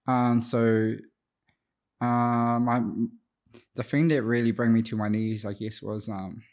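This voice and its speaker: His voice mid-range and a little mellow, with little pitch movement and a slow pace, a thirty-something man from Auckland shares his personal story on a podcast. He's an addiction counsellor who grew up speaking Te Reo Māori, speaking reflectively, with a New Zealand accent and some hesitation.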